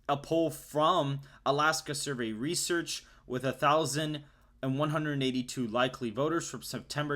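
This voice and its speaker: A man reading out election polls state by state as he fills in a forecast map. His delivery is steady and list-like, pitched in an ordinary middle range, with small self-corrections along the way. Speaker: political forecaster host.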